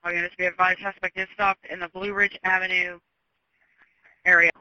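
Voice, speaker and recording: A man dispatching over a police radio, answering with quick, crisp acknowledgements. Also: high-pitched, level tone, sharp tone, no echo. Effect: police radio transmission. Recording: muffled radio.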